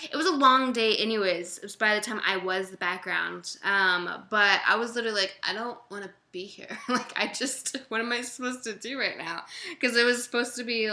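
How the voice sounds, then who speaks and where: Bright chatty young woman on a livestream. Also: fairly high pitch. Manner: chatty and self-deprecating, laughs often; uses "y'all" and loose fillers. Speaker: vlogger answering viewer questions. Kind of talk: casual livestream chat.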